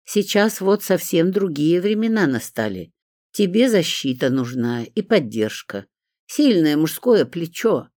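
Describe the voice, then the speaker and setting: A grumbling elderly woman of seventy-one, nagging and complaining, her voice pitched up high and pushed loud, lively and swinging, as the audiobook reader puts her on. The sound is dry and close. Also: measured pace, no room sound. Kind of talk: audiobook character voice.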